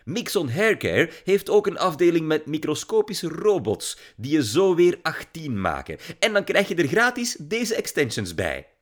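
A bubbly teenage girl with a raised, lively voice, speaking eagerly and brightly, as a male narrator puts her on. Her tone lifts high and moves a lot. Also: normal speed, few pauses.

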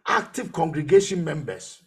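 A man's voice: on the high side, expressive, normal speed. A man pastor preaching a sermon, telling his own testimony and repeating phrases for emphasis.

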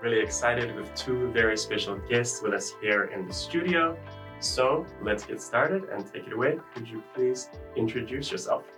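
A man hosts a podcast from a studio, asking his guests questions in an upbeat, friendly way. His pitch sits in the middle for a man. A faint guitar plays behind him. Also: moderate pace, low-quality recording. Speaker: podcast host. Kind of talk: scripted podcast intro and interview.

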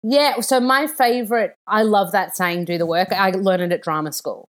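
A young adult woman, an actor chatting as a podcast guest and telling stories with animated enthusiasm. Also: medium pitch, moderate pace. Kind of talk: casual chat.

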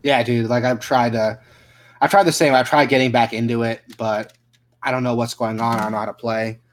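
A man chatting through game news on a podcast in an easygoing, profane way. He leans on "um" and "like" as he goes, with a middle-pitched everyday voice. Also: little pitch movement, fairly quick. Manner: casual, swears freely, lots of fillers. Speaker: podcast co-host. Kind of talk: casual gaming news chat.

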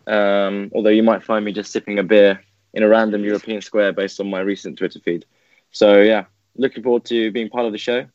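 Chill guy from england co-hosting, low voice, jokey, flat dull recording. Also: fairly quick, no echo. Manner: easygoing, joking. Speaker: podcast co-host. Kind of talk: casual chat. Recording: dry, dull lo-fi audio.

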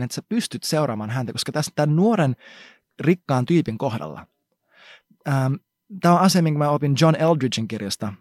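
A man delivers a relaxed devotional talk in an easy, chatty way. His pitch rises and falls a lot as he acts out small asides while retelling stories. The recording is close and dry, with no room sound. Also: dry recording. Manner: conversational, slangy, animated retelling with acted asides. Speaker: preacher. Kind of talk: casual devotional teaching.

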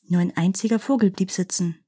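Husky-voiced woman reading fairy tales. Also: mid-range voice, steady tone, fairly quick, mellow. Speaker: storyteller.

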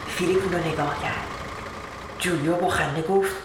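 A woman storyteller reads a children's tale with calm, measured pacing. Her voice sits lowish, and the recording is roomy with steady noise behind it. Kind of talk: scripted storybook narration. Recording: roomy echo with background noise.

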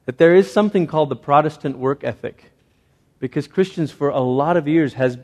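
A man's voice: on the high side, darkish tone. A man preaching an evangelical sermon as a pastor, exhorting his congregation with rhetorical questions and short repeated phrases. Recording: reverberant hall.

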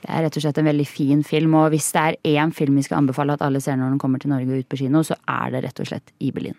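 A young woman hosting a casual radio chat, quick and lively in her reactions. Her voice sits very low for a woman. The studio sound is dry and close. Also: vocal fry, dry recording. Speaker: radio host.

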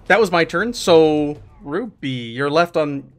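A man narrating a tabletop game as its game master. His talk is loose and relaxed, full of "like" and "um". His voice sits slightly high. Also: slow. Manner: relaxed, filler-heavy, laughs often.

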